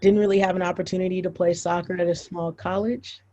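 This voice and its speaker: A woman's voice: lowish voice, little pitch movement, quick pace, mellow, muffled recording. A young woman, a former college footballer, casually telling her story as a podcast guest, with many fillers and restarts.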